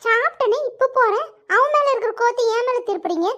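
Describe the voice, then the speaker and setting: A woman's voice: very high-pitched, expressive, quick pace, a bit bright. Woman voicing a whiny teenage cartoon daughter. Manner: whiny, teasing. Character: sulky teenage daughter Aishu.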